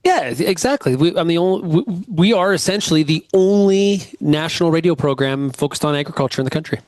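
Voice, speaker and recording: A man's voice: on the high side, animated, fairly quick, darkish tone, no echo. A man from Alberta, Canada, a radio host who is a guest on a podcast and gives brief, dry replies. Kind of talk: podcast interview.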